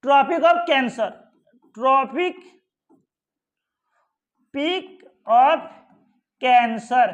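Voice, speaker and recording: A man's voice: very high voice, fairly bright tone, highs cut off. A male teacher giving an exam-prep geography lesson at a map, asking questions and answering them himself, with many reassuring asides. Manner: asks questions and answers them himself, repeating "ठीक है" and "आराम से".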